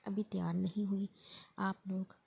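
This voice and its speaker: A woman reading as a brisk, busy mother. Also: medium pitch, level tone, gravelly, husky, lo-fi sound, full character voice. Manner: brisk, hurrying others. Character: busy middle-aged mother hosting dinner.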